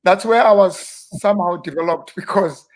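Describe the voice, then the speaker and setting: A South African man in his fifties, a minister, telling stories about growing up in a relaxed, self-deprecating way during an interview. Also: sits high, normal speed. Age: 50s. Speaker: guest minister. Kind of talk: casual interview reminiscing.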